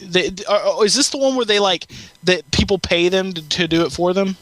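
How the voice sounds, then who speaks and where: Bright-voiced rambling male podcast host. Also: high-pitched, fairly quick. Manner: rambling, restarts, ranting. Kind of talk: casual podcast chat.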